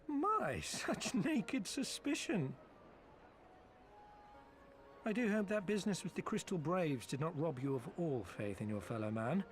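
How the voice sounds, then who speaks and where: An actor voicing a smooth, theatrical male merchant envoy, overly courteous and teasing, in video game audio with music underneath. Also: fairly high pitch, very animated, normal speed.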